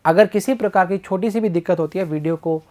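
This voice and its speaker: A man's voice: high voice, fast talker, warm tone. A man tutoring physics in a casual exam-prep lesson. He solves problems aloud, reads out the questions with English terms mixed in, and keeps joking and talking to himself and his students.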